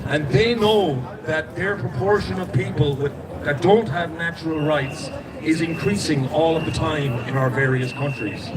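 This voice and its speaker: A man's voice: a little high, normal speed, heavy background noise. A man with a west of Ireland accent giving an insistent, explanatory impromptu speech at a street protest. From Galway, Ireland. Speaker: protest speaker. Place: outdoors in a city street among a crowd. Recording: outdoor street, very loud crowd.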